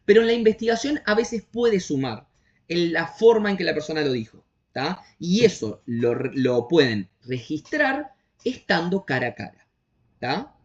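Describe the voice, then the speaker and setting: A man with a Uruguayan accent teaching an online class, explaining step by step and often checking that his students are following. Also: on the high side. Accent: Uruguayan Spanish. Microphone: video call. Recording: dull lo-fi video call audio.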